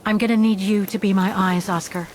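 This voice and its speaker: A woman's voice: mid-range voice, steady tone, a little fast, darkish tone, a little hiss or hum, close to an everyday voice. An actress playing a weary, wry adventurous woman in a naturalistic video game style, often muttering to herself. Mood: tense.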